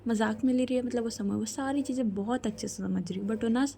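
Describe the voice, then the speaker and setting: A woman's voice: a little high, fairly even intonation, fast talker, gravelly, dark tone. A woman narrating a story in a chatty, casual way, talking straight to listeners. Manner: chatty, addresses listeners directly.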